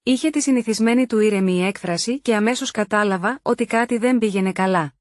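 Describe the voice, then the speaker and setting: A woman narrating a first-person drama story in an even, steady read. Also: medium pitch, no room sound, clean studio sound.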